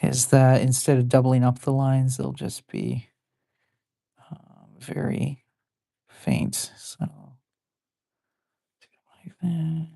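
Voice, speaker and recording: Lady with a super deep mellow voice rambling while she draws on stream, lots of ums, kinda self-deprecating. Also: sing-song, takes it slowly, gravelly, pauses often, no room sound, studio quality. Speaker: artist drawing on a live stream. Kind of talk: casual chat while drawing.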